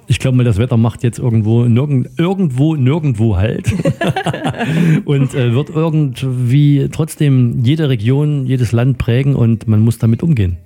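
Middle-aged male radio host, rambling with lots of fillers, very dark gravelly voice. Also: medium pitch, lively intonation, a little slow. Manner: rambling, filler-heavy, friendly questions. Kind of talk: casual interview chat.

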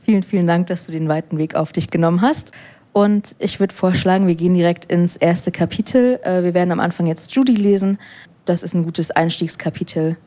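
A woman's voice: fairly low pitch, fairly quick, warm tone. A woman from Weimar welcoming the audience and moderating a book reading in a friendly way with some fillers. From Weimar, Germany. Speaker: event moderator. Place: event venue before an audience.

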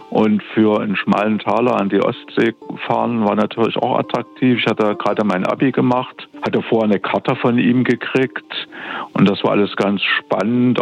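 A man's voice: fairly low pitch, gravelly. A man in his fifties from Dresden, a guest on the phone, answering thoughtfully with fillers and restarts. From Dresden, Germany. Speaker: academy director, phone guest. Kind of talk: phone interview. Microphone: telephone line. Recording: dull lo-fi phone line.

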